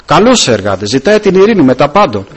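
Middle-aged male deacon, informal sermon, husky, lively pitch, storyteller. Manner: animated storytelling, acting out dialogue. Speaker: deacon preaching. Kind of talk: informal sermon with personal stories.

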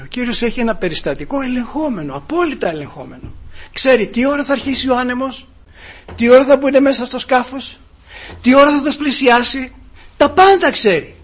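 A man preaching a sermon emphatically, dropping to hushed asides and rising to loud exclamations, and often addressing the congregation as brothers. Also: extremely high pitch, slightly rough.

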